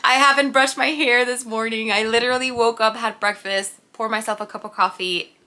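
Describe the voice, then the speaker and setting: A Puerto Rican vlogger in her late twenties, a native Spanish speaker, chats unscripted to her camera at home, rambling and giggling. Her voice is a little high, pushed and bright, with fairly even intonation and a fairly quick pace, picked up by the camera mic.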